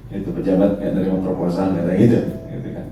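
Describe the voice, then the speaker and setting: Joking preacher in an echoey hall. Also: male voice, sits low, fast, a little hiss or hum. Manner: joking, lively storytelling with frequent laughter. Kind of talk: sermon. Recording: echoey hall, distant mic, faint ambience.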